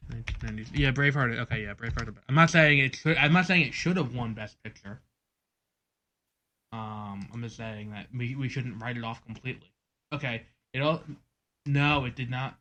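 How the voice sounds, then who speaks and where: A man's voice: mid-range voice, moderate pace, bright, forceful tone, slight background noise. A man co-hosting a casual movie podcast, rambling with many ums and getting exasperated. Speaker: podcast co-host. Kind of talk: casual chat.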